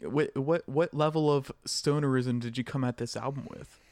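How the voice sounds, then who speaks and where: A man's voice: medium pitch, steady tone, normal speed, a little mellow, no room sound. A man co-hosting a podcast in casual, conversational chat. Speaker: podcast co-host.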